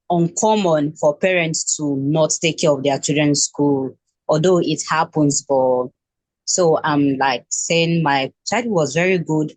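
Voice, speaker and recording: A woman's voice: deep voice, no room sound. A Nigerian woman in her twenties speaking as an interview guest, hesitant, with frequent restarts and fillers. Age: 20s. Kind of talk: casual interview.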